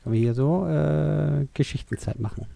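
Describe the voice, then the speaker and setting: A man's voice: on the high side, moderate pace, gravelly, dark tone, a little hiss or hum. A man giving casual, rambling commentary while playing a life-simulation game, thinking aloud with many fillers. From Germany. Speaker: let's play gamer.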